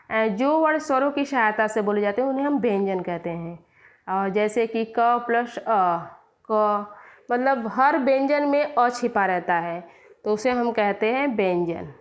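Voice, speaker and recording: A woman teacher explaining grammar step by step, asking questions and answering them herself. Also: a little high. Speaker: Hindi teacher. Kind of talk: classroom grammar lesson.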